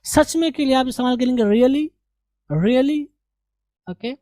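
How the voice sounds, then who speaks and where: A woman teaching a language lesson, slowly drilling pronunciation and repeating each word. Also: high voice, warm tone, no room sound. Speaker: English teacher.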